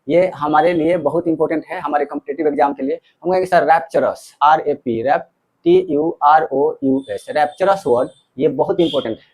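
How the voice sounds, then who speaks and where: A man's voice: fairly high pitch, a little mellow, slightly rough, low-quality recording. A man teaching English vocabulary for exams. He mixes Hindi with English, spells words letter by letter and keeps checking in with his students. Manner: repeats words and checks in with "theek hai". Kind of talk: exam-prep lesson.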